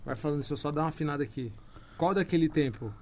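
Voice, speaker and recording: A man's voice: a little high, racing, a little mellow, a little hiss or hum. A man chatting casually as a musical guest, with acoustic guitar heard behind him. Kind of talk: casual chat.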